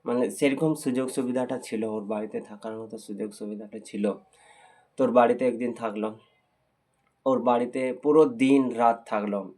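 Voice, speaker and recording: A man's voice: medium pitch, fairly even intonation, normal speed, darkish tone. A young man telling viewers a personal story in a heartfelt, repetitive way. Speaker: vlogger.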